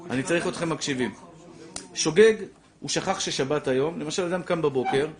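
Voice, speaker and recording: A man teaching a lively religious law lesson to a class, repeating his points and acting out little scenes. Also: a little high. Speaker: Torah teacher.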